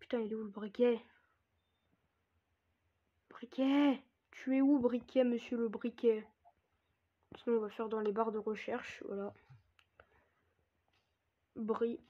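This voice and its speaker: A woman's voice: on the high side, fairly even intonation, slow, pauses often, mellow. A woman giving a casual gameplay tutorial, hesitant with many fillers and frequent swearing. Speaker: gaming YouTuber. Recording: dull lo-fi recording.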